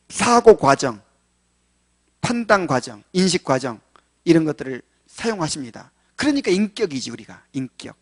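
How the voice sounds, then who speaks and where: A male pastor in a slightly higher register gives a catechism sermon in a conversational manner. He keeps asking rhetorical questions, fills pauses with small sounds, and swings from loud emphasis to quiet asides. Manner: many fillers and restarts, swings from loud to quiet.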